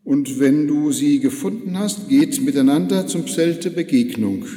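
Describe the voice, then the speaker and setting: An older pastor voicing God with calm, measured instructions, in an echoey church. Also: male voice, on the high side, natural voice. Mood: reassuring. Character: calm commanding male voice of God.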